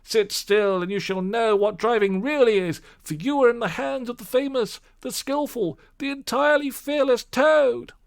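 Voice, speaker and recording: Conceited male toad, voice pitched far up, pompous and boastful. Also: normal speed, gravelly, hardly any pauses. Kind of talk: storybook audiobook acting.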